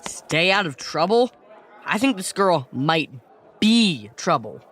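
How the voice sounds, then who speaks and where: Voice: medium pitch, sing-song, slow pace, a bit bright, heavily acted. An actor voicing a wisecracking teenage schoolboy who grumbles and jokes. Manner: whiny and joking.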